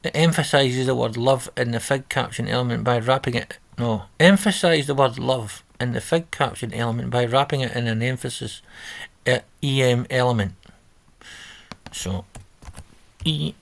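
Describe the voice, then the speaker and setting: This male coding tutor has a gravelly, medium-pitched voice and an ordinary pace. Walking through a coding exercise on a screen recording, he reads the instructions, reasons aloud, and self-corrects, while typing is heard behind him.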